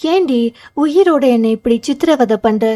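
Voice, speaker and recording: A woman's voice: sits high, expressive, normal speed, warm tone. A woman voicing an intense, stubborn young man in an audio novel, speaking urgently and pleading. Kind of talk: audio novel character reading.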